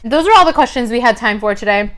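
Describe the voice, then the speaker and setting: A woman's voice: on the high side, animated, quick pace. Chatty young woman eating on camera. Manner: chatty, lots of "like", chewing sounds between lines. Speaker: mukbang vlogger. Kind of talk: casual chat while eating.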